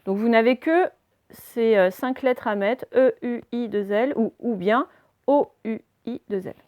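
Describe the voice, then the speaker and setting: A woman's voice: fairly high pitch, a little mellow. Patient woman teaching a spelling lesson. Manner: patient, spells out letters slowly.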